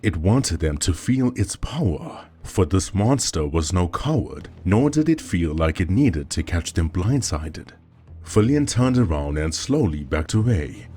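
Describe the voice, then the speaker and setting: A man narrating a scripted horror story as storyteller, with dramatic, expressive delivery. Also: sits low, unhurried, breathy edge, soft background music.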